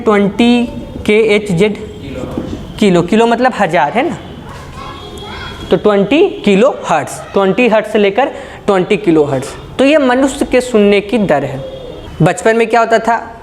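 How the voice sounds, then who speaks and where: A man's voice: high voice, expressive, moderate pace, a little hiss or hum. A man giving a physics lecture, posing questions and answering them himself with folksy examples and frequent checks for understanding. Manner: folksy, uses everyday examples. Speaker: physics teacher. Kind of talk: classroom lecture.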